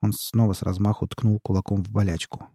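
A man giving a measured, scripted audiobook narration. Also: fairly low pitch, level tone, dark tone, breathy edge, no echo, studio quality. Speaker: audiobook reader.

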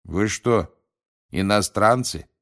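A man voicing a curious, plain-spoken campsite keeper who talks slowly and thoughtfully, in an audiobook reading. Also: on the low side, gravelly, a bit bright, exaggerated voice. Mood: musing. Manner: slow, unhurried, musing.

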